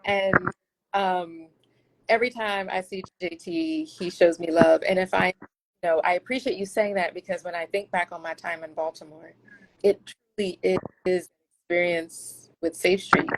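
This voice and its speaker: A woman speaking as a guest researcher in a casual interview, earnest and thoughtful, often pausing and restarting her sentences. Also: on the low side, steady tone, rough recording.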